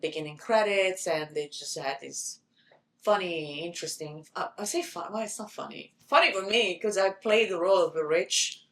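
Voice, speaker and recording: A woman from Italy with an Italian accent, a guest telling lively stories and acting out what people said, laughing often. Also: on the low side, moderate pace. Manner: animated, acts out quoted dialogue, laughs often. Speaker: guest, actress and model. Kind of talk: casual interview storytelling. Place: podcast studio. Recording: roomy echo.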